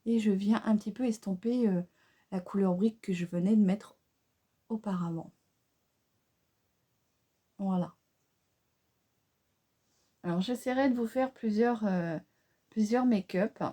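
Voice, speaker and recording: This woman has a medium-pitched voice and takes her time, leaving long pauses. She's a beauty vlogger in a relaxed makeup tutorial, addressing viewers head-on with lots of fillers and hesitation, and she enthuses loudly over the colors.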